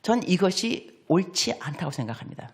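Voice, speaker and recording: A middle-aged woman preaches to a church congregation with a very lively, swooping pitch. She talks in an animated, playful way and slips into little acted-out voices along the way. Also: normal speed. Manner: animated, acts out voices of children and God, playful asides. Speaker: missionary preacher. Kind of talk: sermon. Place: church sanctuary.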